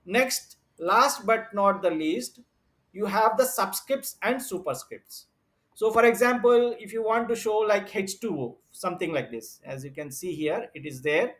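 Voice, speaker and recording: A man's voice: high voice, a little slow, fairly bright tone. A man teaching an online computer class, explaining step by step with frequent fillers and repetition. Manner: explains step by step, repeats himself, many fillers.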